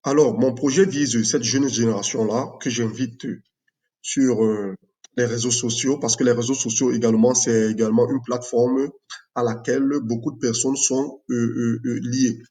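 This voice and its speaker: Speaking in a mid-range, mellow voice with a steady tone, a math teacher from Cameroon presents a project of his own. The video is unscripted, and his delivery is measured, with lots of fillers.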